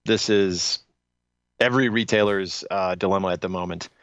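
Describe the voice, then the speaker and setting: Low-voiced man, dull dry podcast sound. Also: steady tone, fairly bright tone, dry recording. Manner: measured, many restarts and fillers. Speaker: industry guest. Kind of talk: podcast interview.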